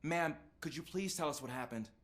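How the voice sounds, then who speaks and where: A man's voice: on the high side, brisk, fairly bright tone, dry recording. An actor playing an earnest young male rookie police officer in a video game, talking conversationally.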